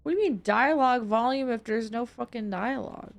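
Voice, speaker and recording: Excitable young woman streaming a game. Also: on the high side, a little fast, vocal fry. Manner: excitable, swears freely, reads game text aloud. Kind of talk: casual let's-play commentary.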